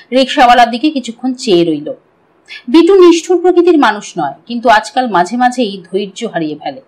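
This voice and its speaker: High-voiced woman reading a story. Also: a little mellow, rough recording. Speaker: audiobook narrator. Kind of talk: storytelling narration.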